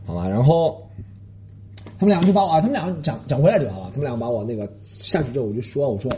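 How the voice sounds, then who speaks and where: Fast, animated man from Shanghai. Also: mid-range voice, a little hiss or hum. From Shanghai, China. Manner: animated, indignant, rambling. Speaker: podcast host. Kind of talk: casual storytelling monologue. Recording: dull lo-fi recording.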